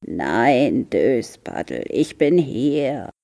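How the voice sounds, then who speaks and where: Woman putting on a hoarse grumpy pet turtle. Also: very deep voice, sing-song, extremely slow, warm tone, full character voice. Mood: grumpy impatient. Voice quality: hoarse, hissing. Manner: impatient, sarcastic.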